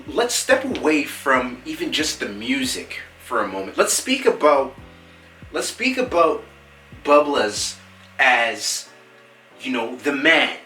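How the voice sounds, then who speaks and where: A man's voice: medium pitch, pushed and bright, recorded from a distance, heavily acted. A man playing a prim, stammering interviewer. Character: prim earnest male interviewer, flustered and stammering. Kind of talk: comedy sketch. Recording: roomy sound from off the mic.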